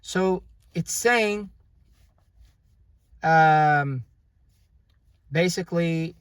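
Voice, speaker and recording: Here a young language teacher, his voice clean in tone and on the high side, leads an informal grammar lesson. The delivery is unhurried and halting, packed with fillers and restarts, and the recording is dry.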